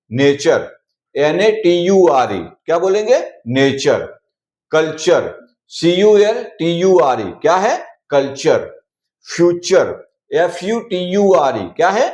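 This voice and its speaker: Lively male teacher, echoey room. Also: a little high. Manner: repeats example words slowly, asks and answers his own questions. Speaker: English teacher. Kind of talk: explaining pronunciation rules.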